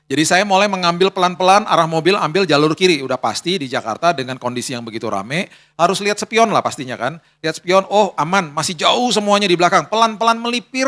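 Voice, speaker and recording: High-voiced bright male pastor. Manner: colloquial storytelling, repeats key phrases. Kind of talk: sermon.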